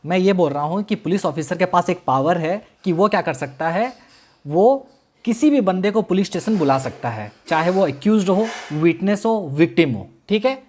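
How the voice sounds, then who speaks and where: A male law teacher giving a classroom-style lecture, mixing Hindi with English legal terms, repeating key phrases slowly and quizzing his students. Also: high-pitched, expressive, a little mellow.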